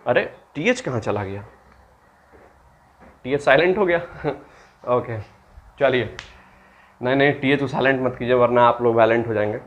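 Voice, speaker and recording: With a medium-pitched voice at normal speed, broken by long pauses, a man from Bihar teaches maths over dull audio. His Hindi lecture includes English terms, and he questions the students before answering himself.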